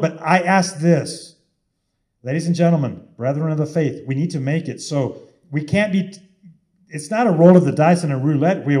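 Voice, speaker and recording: A man preaches with urgency and repeats his key points over and over. His voice sits a little high, but its tone is warm and mellow. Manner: urgent, repetitive exhortation. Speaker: online preacher. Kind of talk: impassioned sermon-style talk.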